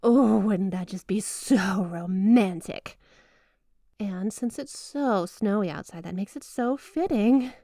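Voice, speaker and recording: A woman plays a flirty, possessive snow spirit wife in a roleplay ASMR monologue, coy and teasing, doting on her listener with feigned innocence in a giddy mood. Her medium-pitched voice has a dark tone, recorded at studio quality with no echo.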